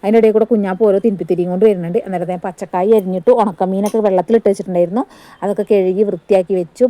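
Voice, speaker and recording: A woman's voice: mid-range voice, dark tone, no room sound. A woman with a Malayali accent chatting casually through her home cooking vlog, recorded on a phone set on a stand in her kitchen. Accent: Malayali, Kerala. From India. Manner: chatty, homely, often tags "kettō". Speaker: family vlogger. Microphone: phone front camera on a stand, some distance away.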